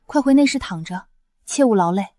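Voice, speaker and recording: A woman voicing a devoted young healer who talks softly and earnestly. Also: medium pitch, lively intonation, normal speed, no room sound, clean studio sound, lightly acted. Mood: tender. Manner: soft, earnest and caring.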